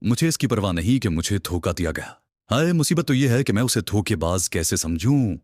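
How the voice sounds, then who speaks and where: A man voicing an excitable, gullible, dramatic man in a storybook reading, speaking in agitated exclamations. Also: on the low side, normal speed, no room sound, studio quality.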